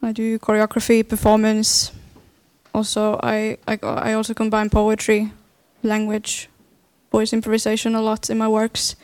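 A woman's voice: fairly high pitch, monotone, normal speed, darkish tone, smooth, no echo. A woman with a Finnish accent speaking unscripted as a panelist, hesitantly searching for words. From Finland. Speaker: panelist, dance artist.

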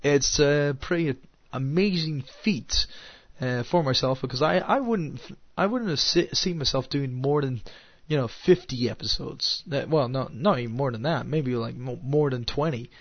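A Scottish man hosting his radio show with a sore throat and a cough, rambling and halting with a wry, sarcastic edge, speaking into a headset. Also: medium pitch, no room sound, highs cut off. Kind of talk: casual solo podcast chat.

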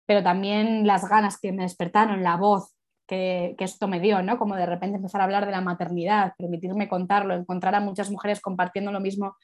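A woman's voice: medium pitch, flat delivery, a little fast. A woman sexologist, reflecting candidly in a casual interview and rambling through many asides.

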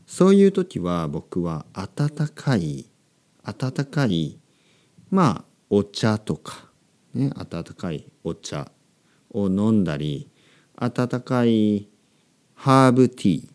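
A man hosting a podcast for learners of Japanese, speaking slowly in simple words and repeating them, with a slightly sore throat. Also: fairly low pitch, sing-song, a little mellow. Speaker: podcast host teaching Japanese. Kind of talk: slow, simple podcast talk for language learners.

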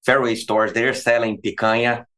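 A man in his forties from Brazil, guesting on a conversational interview as a veterinary professor, talks in a medium pitch with a flat delivery and a sharp tone. His Brazilian Portuguese accent is clear, and he keeps stopping, restarting, and repeating words.

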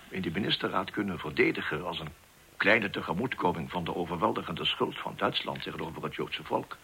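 A gravelly old chancellor. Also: male voice, low-pitched, bright, forceful tone, slight background noise, full character voice. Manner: deliberate, hesitant, formal. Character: elderly German chancellor, cautious, formal. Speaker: statesman. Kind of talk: 1960s radio drama.

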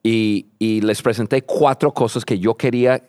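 A man's voice: fairly low pitch, steady tone, moderate pace, a little mellow, dry recording. Earnest male co-host, dry sound. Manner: earnest, repeats words while building a point. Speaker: podcast co-host. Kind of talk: conversational podcast hosting.

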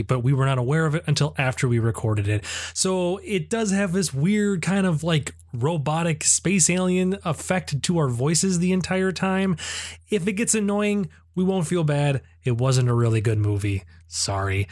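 A man's voice: on the high side, a little mellow. A man hosting a podcast, making a casual, apologetic announcement in a chatty way. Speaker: podcast host.

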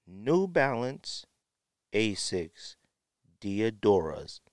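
This podcast host has a fairly low voice with big pitch swings and an extremely slow delivery. He offers opinionated commentary, repeats phrases for emphasis and is sniffly from a runny nose. A close podcast microphone gives clean studio sound without any room sound.

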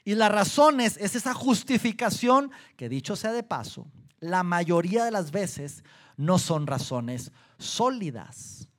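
High-voiced preacher, animated. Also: male voice. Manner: animated, acting out everyday excuses in quick voices. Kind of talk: sermon.

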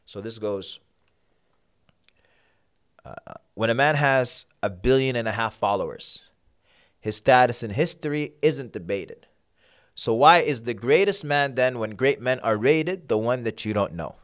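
A man's voice: medium pitch, measured pace, pauses often. A man from Sudan, a podcast guest, delivering a rhythmic rhyming spoken-word poem and chatting casually. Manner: rhythmic, rhyming delivery building to emphatic peaks.

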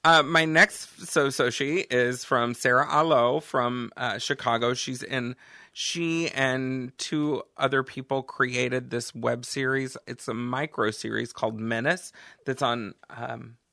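A man's voice: medium pitch, vocal fry, dry recording, studio quality. A man co-hosting a podcast in casual chat, talking expressively and laughing often. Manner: chatty, expressive, quick laughs. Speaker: podcast co-host.

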